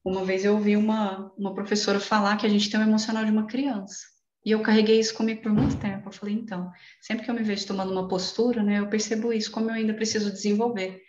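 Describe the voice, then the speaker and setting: A woman guest speaker explaining mindfulness in a lively way with personal examples, speaking on a video call. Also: medium pitch, fast talker. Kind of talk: explanatory talk in an online meeting. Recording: roomy, dull call audio.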